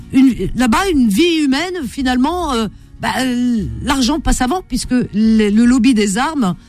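A woman's voice: medium pitch, a little mellow. A woman hosting a late-night radio call-in show, chatty and full of fillers. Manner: chatty, filler-heavy, lots of hein and euh.

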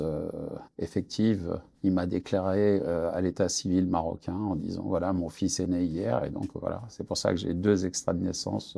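A man in his sixties, born in Algeria and raised in France, a painter talking about his life in a radio interview, unhurried and full of hesitations. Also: sits low, gravelly, mellow, breathy edge. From born in Algeria, grew up in France.

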